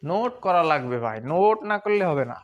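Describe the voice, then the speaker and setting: Young male tutor, slightly high voice, casual, answers his own questions. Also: animated, fairly quick, lo-fi sound. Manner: chatty and informal, asks questions and answers them himself. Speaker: English grammar teacher. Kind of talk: online grammar lesson.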